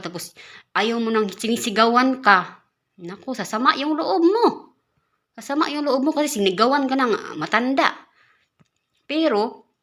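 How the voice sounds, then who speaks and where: A woman from the Philippines talks to her viewers in a loose, chatty vlog. Her voice is bright and clear. She often repeats and restarts words and breaks into laughs as she goes. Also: fairly high pitch. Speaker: caretaker vlogger. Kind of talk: casual vlog talk.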